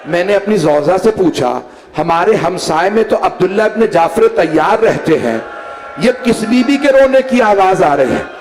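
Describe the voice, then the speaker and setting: A man preaching a majlis sermon voices a very old, deaf and blind companion who recounts a night of weeping, slow and mournful, rising to cries. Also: high voice, lively intonation.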